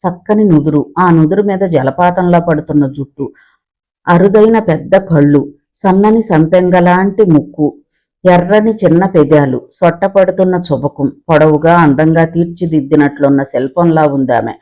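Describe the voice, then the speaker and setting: Guy reading a story out loud, lively and descriptive, kinda high voice. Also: normal speed, highs cut off. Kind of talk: scripted story narration.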